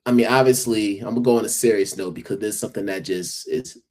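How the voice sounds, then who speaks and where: A man with an American accent, a guest educator on a podcast, speaking in an earnest, measured way. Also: lowish voice. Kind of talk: casual podcast chat.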